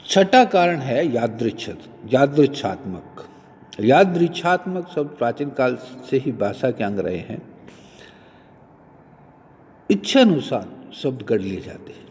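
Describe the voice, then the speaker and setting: A man lecturing on linguistics, explaining each point with many spoken examples in a measured, teacherly way. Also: mid-range voice, a little mellow, in a large hall. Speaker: Hindi lecturer. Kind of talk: recorded university lecture.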